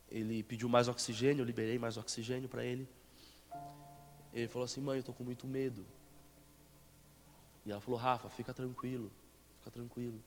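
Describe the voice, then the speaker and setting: A young man with a Brazilian Portuguese accent, a pastor telling a story in a sermon, his voice swinging from loud emotional peaks to hushed soft phrases. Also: mid-range voice. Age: young adult. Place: church sanctuary. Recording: reverberant church hall with soft music.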